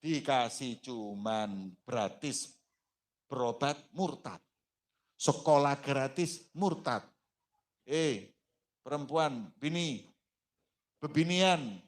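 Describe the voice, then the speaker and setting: A man preaching a sermon as storytelling, with a Banjar accent, animated and dramatic, swinging in pitch. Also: very slow, long pauses. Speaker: Islamic preacher.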